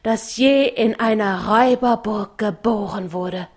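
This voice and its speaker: A woman's voice: medium pitch, measured pace, darkish tone, breathy edge. A woman voicing a boisterous, burly robber chief in a storybook reading, bellowing and rowdy. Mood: boastful. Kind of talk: audiobook reading.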